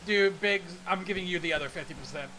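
A man's voice: high-pitched, quick pace, sharp tone. A man bantering casually on a game stream, blunt and sweary, directing his teammates. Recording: noisy game sound behind.

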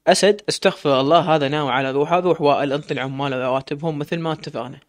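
A man's voice: a little high, fairly even intonation, racing, no echo, studio quality, natural voice. A man reading a stern young sheikh. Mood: commanding. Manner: commanding, stern.

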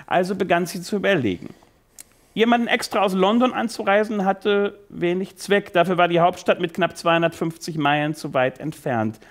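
A man reading from his own book aloud, lively storytelling with the occasional slip. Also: high-pitched. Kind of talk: live literary reading.

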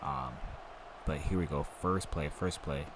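A man's voice: a bass voice, fairly even intonation, a little slow, noisy background. A young man giving laid-back, slangy commentary while playing a football video game. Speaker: gaming channel host. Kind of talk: casual gameplay commentary.

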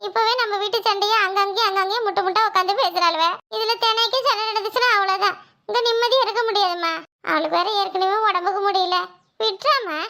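Woman voicing a young elder sister, cartoon, very high voice, gentle reasoning tone. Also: steady tone, fast. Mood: pleading. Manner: pleading, reasoning. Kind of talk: cartoon voice acting.

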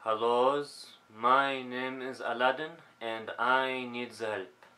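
A man voicing a troubled adult man who confesses his vices in halting broken English. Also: medium pitch, flat delivery, bright, forceful tone, rough recording.

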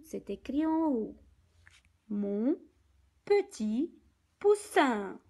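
Slow, lively French-speaking woman teacher. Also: a little high, rough recording. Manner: slow, deliberate, repeats words and counts aloud. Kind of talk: slow picture-book lesson for young children.

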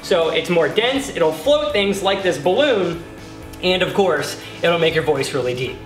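Male science host speaking through a dense gas that deepens his voice. Eager and explanatory, recorded in a roomy space with soft music underneath. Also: unhurried. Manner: excited, explaining as he goes. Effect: voice made unnaturally deep by a dense gas. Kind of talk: casual science demonstration.

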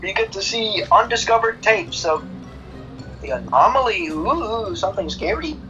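Bright, bouncy high-voiced man on a lo-fi mic. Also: very animated, normal speed, faint music behind. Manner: joking, playful, silly interjections. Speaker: guest player. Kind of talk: casual gameplay chat.

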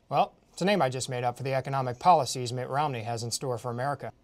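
A young man speaking as a mock-earnest pitchman in a comedy sketch. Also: fairly bright tone.

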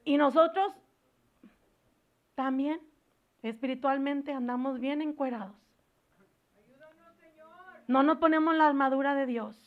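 A woman preacher giving a fervent sermon, pausing to search for words and building into loud exhortation. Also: sits high, narrow, tinny audio. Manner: searches for words aloud, slips into English words.

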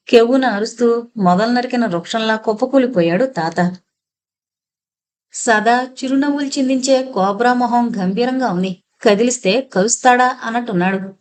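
A woman's voice: a little high, a little mellow. A woman narrating a suspense audio novel as a dramatic storytelling reading.

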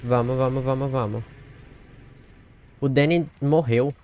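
A man streaming a horror game, commenting as he plays, muttering one moment and shouting shrilly the next, swearing often. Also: steady tone, measured pace, a little hiss or hum. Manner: profane, swings from muttering to shrill yelling. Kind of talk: live gameplay commentary.

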